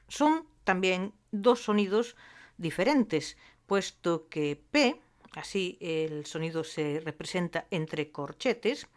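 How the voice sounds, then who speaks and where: A woman gives a phonetics lesson. She speaks very slowly and deliberately, pausing between each term as she breaks sounds down. Her voice sits at a middle pitch. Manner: slow and deliberate, spelling out sounds with pauses. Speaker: language teacher.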